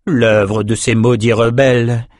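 Sardonic male sorcerer lord, read by a man, low, mocking, dry audiobook read. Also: expressive, moderate pace, no room sound, lightly acted. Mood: irritated. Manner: mocking, callous, amused. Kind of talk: audiobook character voice.

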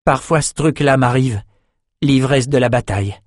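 Brief: earnest young swordsman, brave, higher and brighter than the reader's own voice, as a male narrator puts him on. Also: moderate pace, no room sound, clean studio sound, close to an everyday voice.

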